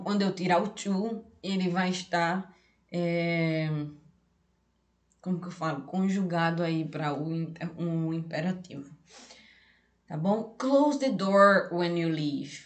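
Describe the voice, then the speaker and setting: A woman with a Brazilian Portuguese accent teaching an English grammar lesson online. She explains patiently and slows down to model English phrases. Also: fairly low pitch. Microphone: streaming setup.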